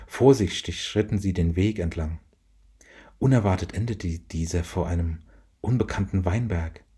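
A man narrating a children's story in a calm, even reading manner. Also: sits low, slightly rough.

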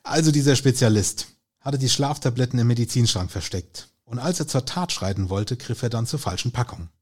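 A man narrating a crime story in an even, storytelling manner. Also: medium pitch, a little fast, husky. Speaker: audiobook narrator. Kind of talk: scripted narration.

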